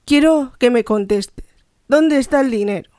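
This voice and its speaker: A woman reading the part of a threatening, sarcastic male police officer in a slow, clear narration. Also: sits high, dark tone, no room sound, studio quality. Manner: menacing interrogation.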